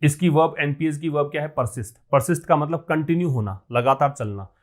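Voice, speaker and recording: Hindi-speaking teacher quizzing himself aloud. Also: male voice, on the high side, fairly quick. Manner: asks questions and answers them himself, repeats key words; mixes Hindi with English terms. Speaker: English teacher. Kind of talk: explaining a newspaper editorial in class.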